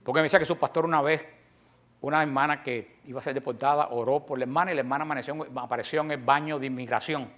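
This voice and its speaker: A man from Cuba with a Cuban accent, giving an apologetics lecture to a class, emphatic and storytelling, slowing down and letting the ends of key phrases fall away softly. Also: mid-range voice. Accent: Cuban Spanish. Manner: acts out quoted exchanges in lively storytelling. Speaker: apologetics teacher.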